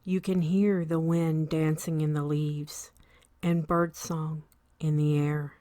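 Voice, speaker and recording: Short phrases and long pauses mark this woman's measured, soothing narration of a scripted guided meditation. Her low-sitting voice is soft and often fades to near a whisper, captured in a dry recording.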